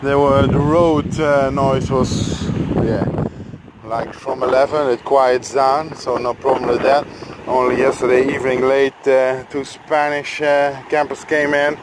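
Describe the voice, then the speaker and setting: A man casually vlogging outdoors, talking slowly and halting with fillers, on a camera mic. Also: medium pitch, level tone. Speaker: travel vlogger. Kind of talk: casual vlog narration. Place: outdoors by the sea in wind. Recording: loud wind noise on the mic.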